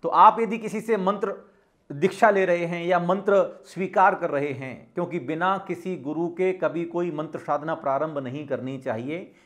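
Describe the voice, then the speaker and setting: A man giving a spiritual teaching talk, measured and instructive, repeating his key points. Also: on the high side.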